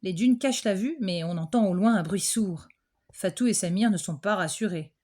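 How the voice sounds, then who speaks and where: A woman reading a children's picture book aloud in a clear, gentle storytelling manner. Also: mid-range voice, normal speed. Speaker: storybook reader.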